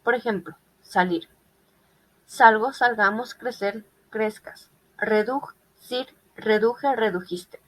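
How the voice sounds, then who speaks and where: A woman's voice: a little high, takes it slowly, poor audio. A woman reading a group class presentation on irregular verbs, listing examples methodically. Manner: methodical listing of verb forms. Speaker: student presenter.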